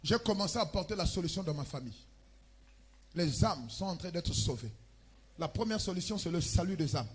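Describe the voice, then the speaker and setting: A man with a Congolese French accent preaching a sermon as pastor, with loud emphatic bursts and chanted lines. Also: high voice, animated, fairly quick, breathy edge. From Republic of the Congo. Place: church.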